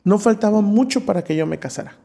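A man's voice: high voice, fast, gravelly. A man, a preacher telling a personal testimony in an interview, acting out the voices he quotes. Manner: lively storyteller who acts out quoted voices. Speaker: preacher, guest.

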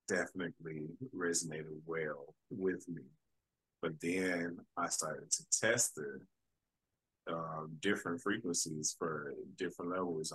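Deep-voiced man with a husky edge. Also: bright, forceful tone, no room sound, rough recording. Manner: earnest and enthusiastic, with short affirmations. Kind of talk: casual conversation.

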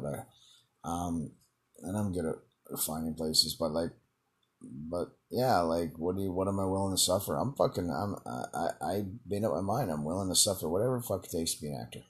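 A low-voiced man talking alone on his podcast, with a husky, slightly rough tone. He rambles freely, curses in nearly every sentence and lets out short chuckles between his ums and you-knows. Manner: rambling, heavy swearing, frequent fillers and chuckles. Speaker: podcast host. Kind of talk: casual solo monologue.

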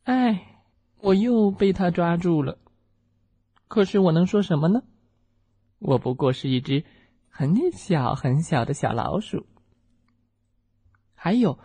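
A woman reads a children's picture book slowly and playfully. Her voice is soft and breathy, and it rises and falls widely as she takes on the different animals. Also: fairly low pitch. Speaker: storyteller. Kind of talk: children's story reading.

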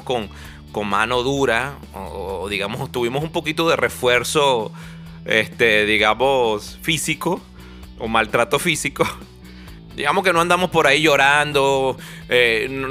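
Male vlogger, bright edgy voice, chatty comic delivery over soft music. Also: medium pitch. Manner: joking, conversational, with frequent fillers and asides. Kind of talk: humorous casual monologue.

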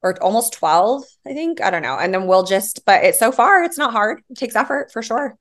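A woman in her thirties, guest on a podcast, talking in a chatty, animated way with lots of fillers and frequent laughs. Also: on the high side, moderate pace. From Hawaii, raised later in Arizona. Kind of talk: casual conversational interview.

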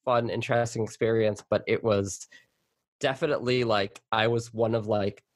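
Lowish and even in tone, this man talks at a moderate pace in a dry, echo-free recording. He's a young Colombian-born arachnologist who grew up in New York City, and as an interview guest he rambles chattily with plenty of fillers and false starts.

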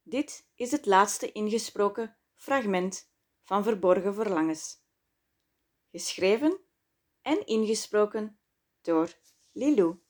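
A woman reading her own book aloud in slow, measured, intimate scripted narration. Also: medium pitch, lively intonation, a little mellow. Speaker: author and narrator.

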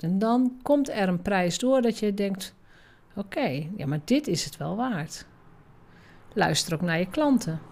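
A woman's voice: medium pitch, darkish tone. Emphatic woman podcast host coaching. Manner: direct, emphatic, exhorting listeners. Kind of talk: solo podcast monologue.

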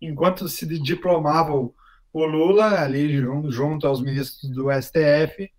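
A man's voice: fairly high pitch, fairly even intonation, measured pace, darkish tone. A man with a Brazilian accent, a podcast co-host making dry, ironic remarks in casual chat. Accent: Brazilian Portuguese.

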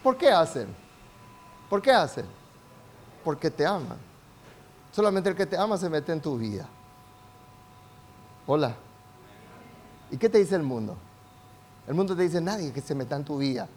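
High-voiced older Rioplatense pastor preaching. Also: male voice, sing-song, a little slow, pauses often, slight background noise. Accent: Rioplatense Spanish. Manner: preaching with rising, shouted emphasis and calls for amen. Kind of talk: sermon.

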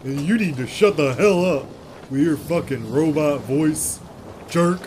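A man's voice: a little high, unhurried, darkish tone, a little hiss or hum, rough recording. A man hosting a comedy podcast, ranting in character in a profane, repetitive, exasperated way. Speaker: podcast host.

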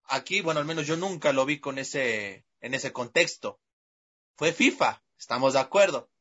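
Bright quick Mexican man, lo-fi sound. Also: mid-range voice, animated, husky. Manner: quick, conversational, asks his co-host questions. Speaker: sports show co-host. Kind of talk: casual football talk.

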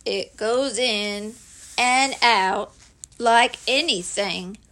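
Woman reading as a gloomy old male donkey, slow, glum, gravelly, storybook. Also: a little high, fairly bright tone, exaggerated voice.

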